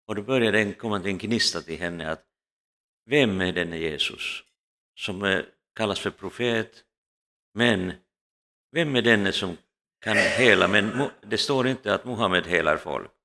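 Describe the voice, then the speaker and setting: A man's voice: lowish voice, pushed and bright. A man preaching a sermon, telling a story emphatically with frequent restarts. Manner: emphatic, with many restarts and fillers.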